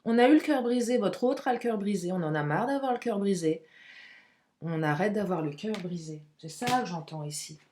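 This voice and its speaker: An expressive woman chats her way through a tarot card reading, with a mid-range voice and plenty of exclamations. She speaks frankly and outspokenly to her viewers. The sound carries a noticeable echo from a roomy space. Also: mid-range voice, normal speed. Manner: chatty and expressive, with frequent exclamations. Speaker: tarot and oracle card reader.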